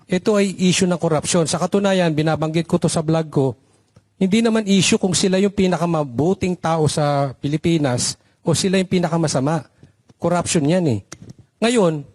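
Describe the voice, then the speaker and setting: A male vlogger who talks quickly and presses his guests with probing questions. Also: fairly high pitch, a little mellow. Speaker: vlogger and co-host.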